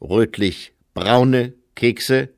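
A man reading aloud and voicing a cold, suspicious official with a sharp, clipped, slow and literal way of speaking. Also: mid-range voice, no echo, studio quality. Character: cold, suspicious gray-suited male official.

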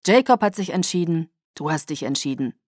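An easygoing teenage werewolf boy with a friendly, relaxed way of talking, as a woman reads him for an audiobook. The sound is dry and close. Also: low voice, a little fast, dry recording. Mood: calm.

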